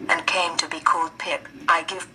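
A synthetic British woman's text-to-speech voice reading a book aloud from a tablet with an even, mechanical delivery. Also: sits low, moderate pace, slight background noise, low-quality recording. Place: played from a tablet speaker.

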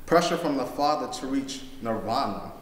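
A man's voice: mid-range voice, animated, moderate pace, slight background noise. A teenage boy reading his own spoken-word poem with a rhythmic, rhyming delivery in a classroom. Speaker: student poet. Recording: echoey room.

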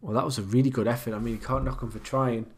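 A man's voice: mid-range voice, steady tone, rapid-fire, husky. A man casually commentating an online pool match, thinking aloud about which shots he would play.

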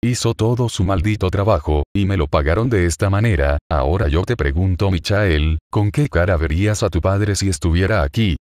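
A man's voice: low-pitched, a little fast, hardly any pauses, a little mellow, dry recording, clean studio sound, natural voice. Issei: a man reading a furious betrayed young warrior. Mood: contemptuous. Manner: furious, contemptuous and cursing. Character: vengeful betrayed young male demon warrior.

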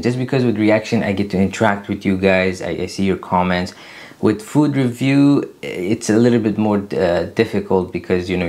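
A man in his thirties from Afghanistan, hosting his own channel and answering viewer questions in a casual, earnest way with many pauses. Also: low voice. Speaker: YouTube channel host. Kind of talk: casual Q&A to camera. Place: small room indoors. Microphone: camera at desk distance, seated.

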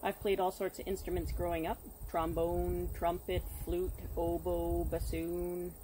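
A middle-aged Canadian woman from Quebec, partly raised in Ontario and a native Quebec French speaker, chats casually to the camera outdoors in a field, yard and open shelter. Her voice is fairly low, level, mellow and measured. The recording is low quality, with outdoor ambience and clear background noise.

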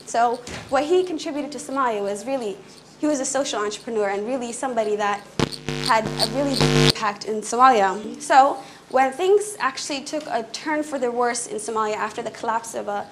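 A young woman with a slightly high voice speaks earnestly and fast at a small indoor event. Her talk is fluent with occasional brief restarts, picked up from a few steps away. Faint room noise sits behind her. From Canada. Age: young adult. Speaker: conference speaker. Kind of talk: prepared public talk.

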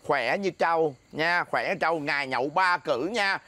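A man with a Southern Vietnamese accent in a comedy sketch, playing an excitable husband who stammers and protests. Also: on the high side, normal speed, dry recording. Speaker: comic actor playing a drinking husband.

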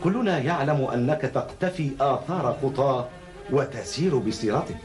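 A man's voice: mid-range voice, expressive, normal speed, music in the background, natural voice. A middle-aged man playing an earnest, outspoken counsellor in a classical Arabic historical drama, speaking formally and with rhetorical emphasis. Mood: admiring, earnest. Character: earnest, outspoken male counsellor questioning his caliph.

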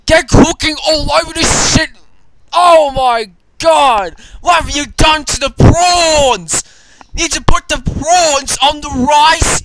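An amateur performer voicing a cranky, bossy old man sushi cook in a fake old voice, shouting and scolding in exaggerated game-character style. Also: sits high. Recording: clearly noisy home recording with clicks.

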